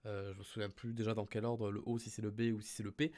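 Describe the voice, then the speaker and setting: A man's voice: fairly low pitch, level tone, quick pace, a little mellow. A man joining a livestream lesson as a student, thinking aloud and correcting himself. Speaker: co-host student. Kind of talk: casual chat.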